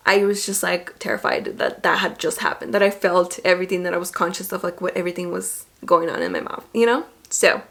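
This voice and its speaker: A young adult woman vlogger speaking in a casual, chatty storytelling way, informal and animated as she retells things to camera. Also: mid-range voice.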